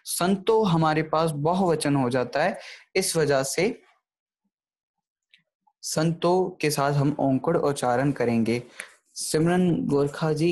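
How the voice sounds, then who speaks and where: The man's voice leans high and is a little mellow. Teaching Gurbani grammar in an online lecture, he walks through each point step by step and often checks in with listeners using "thik hai."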